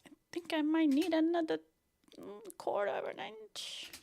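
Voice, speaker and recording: This young Brazilian woman's voice is very high, gravelly and a little mellow, moving a little slowly, with a slight hiss or hum in the recording. Chatty in her livestream design tutorial, she mutters and thinks aloud as she works, in an accent mixing Brazilian and Northern Irish.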